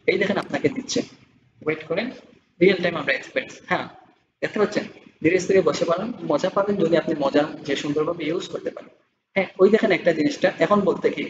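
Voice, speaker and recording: A young man talks fast in a somewhat high voice, walking learners through a lesson. He circles back and restarts often, then slows right down to read English sample answers. The recording sounds dull and lo-fi, with clear background noise. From Bangladesh. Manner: reads English example answers slowly and deliberately, then explains; loose, repetitive explaining with many restarts. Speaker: English exam tutor. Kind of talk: casual screen-walkthrough tutorial.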